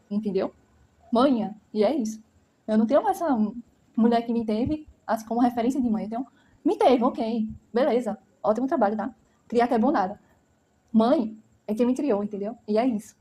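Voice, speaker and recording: A woman's voice: fairly high pitch, brisk, dark tone, breathy edge. A young woman from Brazil, telling her own life story bluntly and emphatically, often checking in with her listener. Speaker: vlogger. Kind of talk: personal testimony to camera.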